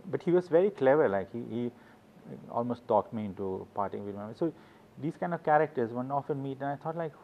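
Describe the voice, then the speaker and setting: Speaking English in a casual interview, a middle-aged man from Sweden, a native Swedish speaker and author, tells meandering stories and keeps starting over. He sounds animated at a medium pitch, through muffled, lo-fi audio.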